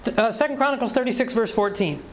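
A man's voice: extremely high pitch, fast, slight background noise, poor audio. A man preaching a sermon, reading scripture aloud and pressing the congregation with rhetorical questions.

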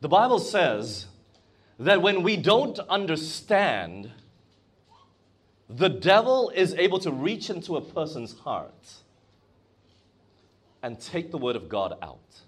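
A man's voice: on the high side, sing-song, takes it slowly, pauses often, slightly rough. A man preaching a sermon in a church or conference hall, asking the congregation questions as he goes.

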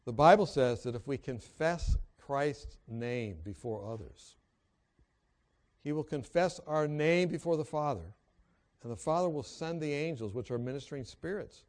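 A man preaching a sermon, telling stories and acting out the people in them, swinging between loud emphasis and quiet, hushed moments. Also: fairly high pitch, animated, moderate pace. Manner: acts out quoted people in dialogue. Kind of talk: sermon with storytelling.

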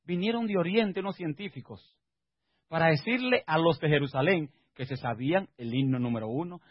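Pastor guy preaching, pretty high husky voice, gets loud and pushy, kinda dull dry recording. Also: no room sound. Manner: rising to emphatic exhortation; rhetorical questions to the congregation. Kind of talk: sermon.

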